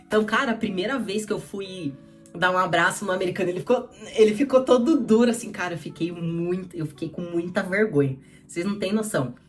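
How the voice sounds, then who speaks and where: A woman's voice: lowish voice, fast talker, soft background music. A young Brazilian woman vlogging casual advice in a chatty, direct way, talking straight to her viewers. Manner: chatty and direct, addresses viewers as "cara" and "gente". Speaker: YouTuber.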